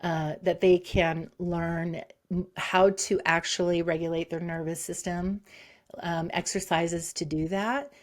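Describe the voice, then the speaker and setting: A woman psychologist, a guest in an interview, talking casually in a lively, rambling way with many fillers and restarts. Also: fairly low pitch, measured pace.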